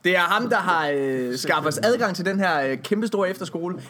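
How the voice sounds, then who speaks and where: A young man hosting a casual podcast chat, excitable and crude, laughing often and repeating a filler phrase. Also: high voice, a little hiss or hum. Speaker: podcast host. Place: school building at a gaming party.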